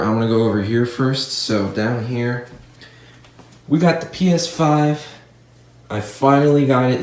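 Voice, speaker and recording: A man's voice: medium pitch, a little mellow. Teen guy on a handheld phone video, echoey. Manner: rambling, chatty, filler-heavy. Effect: filmed on a handheld phone. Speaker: gaming YouTuber. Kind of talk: casual setup tour vlog. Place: bedroom. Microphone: phone camera held in hand. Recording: echoey room on a phone mic.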